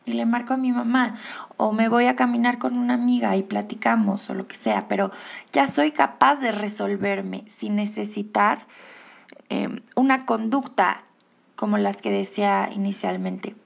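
A woman's voice: mid-range voice, fairly even intonation, normal speed, creaky, dull audio. A woman with a Mexican Spanish accent hosting a podcast, talking in a reflective, encouraging way and asking rhetorical questions. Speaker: podcast host. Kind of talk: reflective casual monologue.

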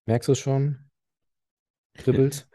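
A male co-host rambles through stories on a casual podcast chat, leaning heavily on fillers. His mid-range voice is level and dark, with drawn-out words and no room sound.

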